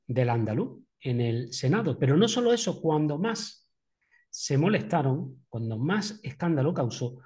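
Mellow-voiced interviewer, halting with fillers. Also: male voice, mid-range voice. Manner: hesitant, many filler pauses. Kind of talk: radio interview questions.

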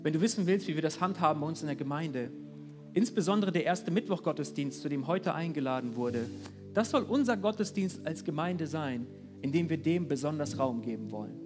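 A man with a high-pitched voice preaches at a church service, earnest and animated, often turning to address the congregation directly. Soft music plays faintly beneath his words. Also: brisk. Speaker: pastor. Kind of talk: sermon.

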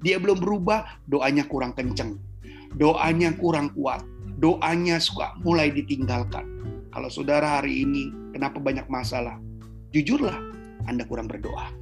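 A man preaching a sermon to his congregation, swinging between low, quiet asides and high, emphatic bursts. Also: normal speed, creaky. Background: soft guitar music.

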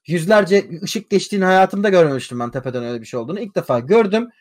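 A man in casual chat, telling an animated story and swearing freely. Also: sits high, very fast.

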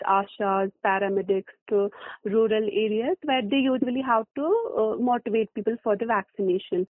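A woman from Kashmir with a Kashmiri accent, a journalist answering interview questions in a halting, hesitant way with many fillers. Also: medium pitch, no room sound. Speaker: freelance journalist being interviewed. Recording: phone-like, thin telephone line.

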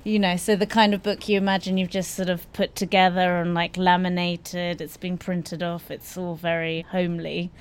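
A woman's voice: lowish voice, little pitch movement, normal speed, few pauses, clean tone. A woman who owns a café and has written a cookbook, talking in a candid, chatty, self-deprecating way. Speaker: café owner and cookbook author. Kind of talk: casual conversation.

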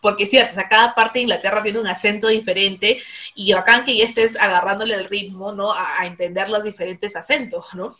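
Quick, bright-voiced woman host. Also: medium pitch. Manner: lively and chatty, acting out quoted reactions. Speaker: podcast host. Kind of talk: casual conversational interview.

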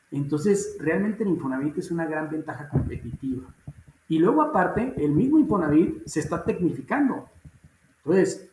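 A man's voice: fairly high pitch, darkish tone. Emphatic Mexican man in echoey room. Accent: Mexican Spanish. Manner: emphatic, informal, rambling. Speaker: guest, housing executive. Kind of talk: casual interview chat.

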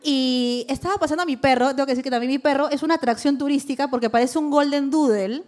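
A woman with a Peruvian accent tells a story on a podcast recorded live in front of a small audience. Her voice sits high. She talks in a casual, slangy way and acts out the lines of the people in her story. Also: fast. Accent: Peruvian Spanish. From Peru. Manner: animated, slangy, acts out quotes. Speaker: podcast co-host.

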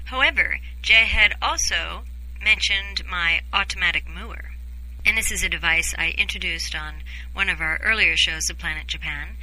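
Very bright-voiced woman hosting a casual podcast. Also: on the low side, normal speed, low-quality recording. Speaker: podcast host. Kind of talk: casual co-hosted chat.

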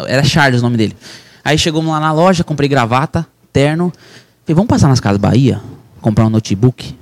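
A man's voice: medium pitch, animated, fairly quick. A man, a real estate broker guesting on a podcast, telling an emotional personal story with intense, fervent delivery. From Brazil. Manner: intense, fervent, calls listener "irmão".

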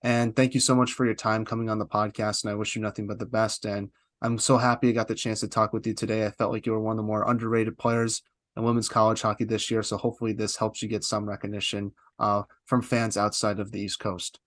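A podcast host conducts an interview, asking long questions in a talkative way and using frequent "uh" fillers. His voice is fairly low in pitch with a level tone, and he speaks fast. The studio-quality recording has no room sound.

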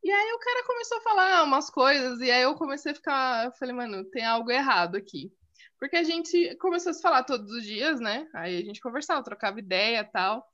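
Female co-host, lively storyteller, bright high voice, muffled lo-fi audio. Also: fast talker, few pauses. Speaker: podcast co-host. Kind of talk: casual chat. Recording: dull lo-fi audio.

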